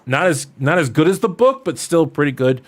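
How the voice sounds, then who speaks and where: Answering questions from his viewers, an early-thirties streamer talks briskly in an expressive, somewhat high voice. His chat is casual, rambling, full of jokes at his own expense, and there's noticeable noise in the background.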